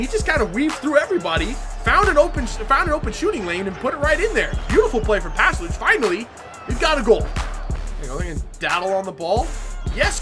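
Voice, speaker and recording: Fired-up lady doing game commentary, kinda high voice, cusses a lot, quiet music in the back. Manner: excitable, swearing, shouts at big plays. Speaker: gaming commentator.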